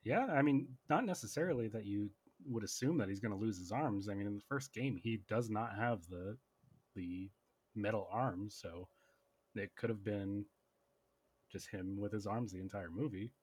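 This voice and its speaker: Husky, dry-witted man on a podcast. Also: on the low side, moderate pace, a little mellow, dry recording. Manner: dry, wisecracking. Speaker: podcast co-host. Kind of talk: casual podcast banter.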